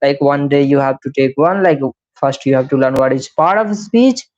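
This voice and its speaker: Speaking at normal speed in a medium-pitched, slightly mellow and expressive voice, a young man with an Indian English accent teaches beginners English on a live stream. He breaks down each step, often adding "right?". The lo-fi recording is a little dull.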